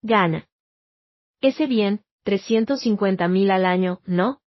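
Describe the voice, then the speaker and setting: A scheming mother speaks with a cutting edge, read out by a woman storyteller. The recording is dull and dry, and her pitch sits mid-range. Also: slow, dry recording, lightly acted. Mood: demanding. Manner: cutting, sharp-edged. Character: cold, scheming mother demanding money.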